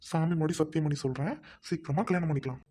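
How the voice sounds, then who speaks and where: A man with a Tamil accent, gruff and dismissive in a comic skit. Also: a little high, steady tone, racing, very noisy. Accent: Tamil Nadu Tamil. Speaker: skit actor.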